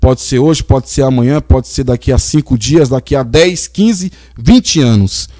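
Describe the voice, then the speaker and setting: A man's voice: medium pitch, measured pace, dark tone, no room sound. A male pastor from Brazil preaching a sermon, telling Bible stories and acting out the figures' lines. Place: church.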